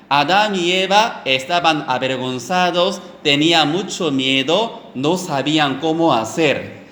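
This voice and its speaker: Slow, halting male preacher in echoey room. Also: fairly high pitch, fairly bright tone. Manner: halting, with frequent "eh" fillers and restarted phrases. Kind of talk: sermon storytelling. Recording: echoey room with faint background noise.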